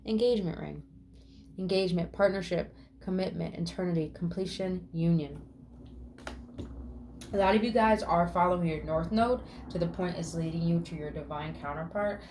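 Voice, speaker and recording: There's a little hiss or hum behind this woman's lowish, slightly mellow voice. As a tarot reader doing a casual spiritual reading, she's chatty and affirming, swears in passing, draws out her words, and murmurs "mm" between cards.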